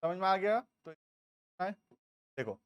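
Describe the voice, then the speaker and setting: A man with an Indian accent teaching a commerce class, explaining slowly and stopping to check that students follow. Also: high voice, very animated, clear, resonant tone, no room sound, dull audio. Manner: explains slowly, asks checking questions, drawls key terms. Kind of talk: classroom lecture.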